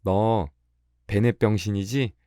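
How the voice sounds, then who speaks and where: A man voicing a spiteful teenage village girl in an audiobook, with shrill, jeering scolding. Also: steady tone, slow pace, warm tone, no echo, clean studio sound. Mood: taunting.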